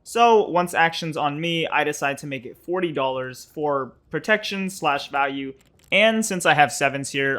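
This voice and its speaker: This poker vlogger and host is a twentysomething man whose pitch sits fairly high and whose tone is fairly bright. He reads a scripted voice-over in an easygoing, explanatory, matter-of-fact manner.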